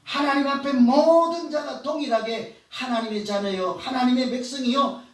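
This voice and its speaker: High-voiced pastor in an echoey church. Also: male voice, normal speed. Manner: conversational preaching with questions to the congregation. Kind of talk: sermon. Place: church sanctuary. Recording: echoey church hall, voice from far off.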